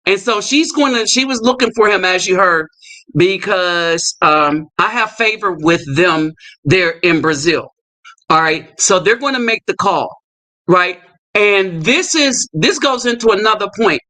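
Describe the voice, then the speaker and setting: A man hosting a live stream, talking casually in quick bursts with asides and fillers. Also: sits high, expressive, pushed and bright. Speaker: livestream host.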